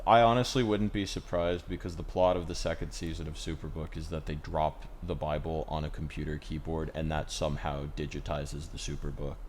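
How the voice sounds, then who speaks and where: A man's voice: extremely low pitch, level tone, a little fast, few pauses, a little hiss or hum. A man co-hosting a casual podcast, rambling and swearing as he retells a show and acts out its lines. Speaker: podcast co-host. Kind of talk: casual chat.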